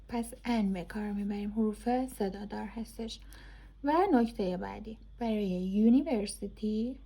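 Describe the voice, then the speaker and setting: A woman English teacher, explaining grammar casually and reading example sentences slowly and deliberately. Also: a little high, warm tone, breathy edge.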